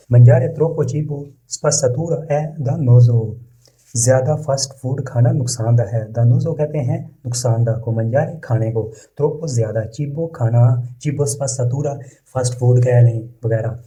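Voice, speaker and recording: Male tutor, very dark mellow tone, slow deliberate phrase-by-phrase delivery. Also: mid-range voice, rough recording. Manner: reads each phrase, then breaks it down word by word; says foreign phrases very slowly and deliberately. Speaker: language teacher. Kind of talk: slow phrase-by-phrase language lesson.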